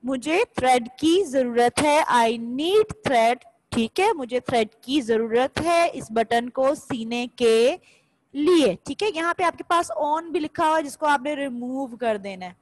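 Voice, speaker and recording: A woman's voice: high-pitched, expressive, a little slow, rough recording. A woman teaching a class in a patient step-by-step way, often checking "theek hai?" and switching between Hindi and English. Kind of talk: recorded classroom lesson.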